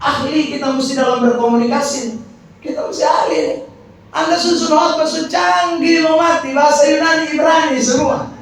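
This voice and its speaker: A man, a pastor teaching how to preach, animated and joking as he acts out examples. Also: extremely high pitch, normal speed, a little hiss or hum. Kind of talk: lively teaching talk to an audience. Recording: echoey room, faint background ambience.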